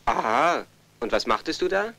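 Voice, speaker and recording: A man's voice: medium pitch, very animated, moderate pace, sharp tone, exaggerated voice. A man dubbing a middle-aged older brother, kind and meek, fussing, often laughing and pleading. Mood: gentle. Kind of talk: German film dub.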